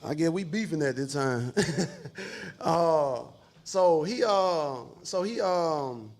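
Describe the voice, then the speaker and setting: A man telling a story in casual talk, profane and animated, repeating "you know what I'm saying". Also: fairly high pitch, slow pace. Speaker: storyteller guest.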